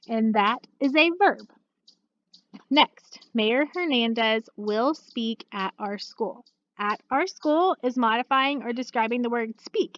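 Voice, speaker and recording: Woman, teacher, recorded lesson, steady and patient, frequent check-ins, somewhat high voice, lo-fi computer audio. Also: no room sound. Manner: patient, steady, uses many "okay" and "all right" check-ins. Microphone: computer mic.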